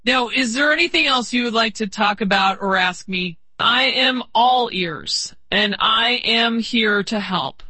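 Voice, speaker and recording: Performer as eager AI assistant narrating a tale; bright, airy tone, halting delivery, stage cues spoken aloud. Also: medium pitch, lively intonation, breathy edge, no echo, heavily acted. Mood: earnest. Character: friendly sentient AI assistant, eager storyteller. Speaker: storyteller. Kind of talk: slow, deliberate storytelling.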